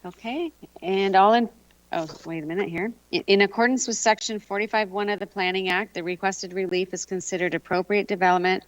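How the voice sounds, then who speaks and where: A woman chairs a formal committee meeting, moving through procedure in a mid-pitched voice. The sound is very dry and somewhat dull. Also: steady tone, a little fast, no room sound.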